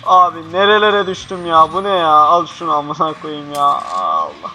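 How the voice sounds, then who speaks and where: A young man playing a horror game, swearing and jumpy, swinging from panicked yells to hushed mutters. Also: a little high, expressive, moderate pace, faint music behind. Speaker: gaming youtuber. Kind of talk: horror game let's play commentary.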